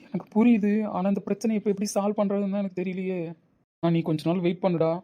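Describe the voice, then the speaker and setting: A man's voice: high voice, steady tone, fast talker, phone-quality sound, natural voice. A man voicing a practical supportive buddy. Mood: pondering. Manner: reassuring, questioning. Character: young male friend, supportive and practical.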